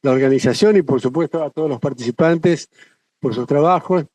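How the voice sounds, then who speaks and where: A man's voice: on the high side, a little fast, a little mellow. A middle-aged man, an institute director giving casual closing remarks at a symposium, hesitant with many fillers and restarts.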